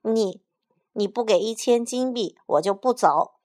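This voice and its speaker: A woman's voice: a little high, a little slow, a little mellow, natural voice. A woman playing a proud, hot-tempered male piper who was cheated of his pay. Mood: angry.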